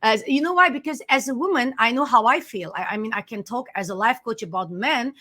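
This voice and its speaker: A woman whose native language is Armenian, working as an author and life coach, talks earnestly and emphatically in a conversational interview, often restarting. She speaks fairly quickly in a slightly high voice with a sharp tone.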